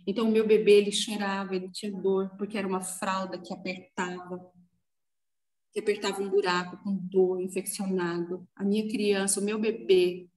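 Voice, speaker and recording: A woman telling an emotional personal story to a group, animated and acting out what she said back then. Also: medium pitch, recorded from a distance, rough recording. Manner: animated storytelling, acting out her own past words. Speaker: group participant sharing a story.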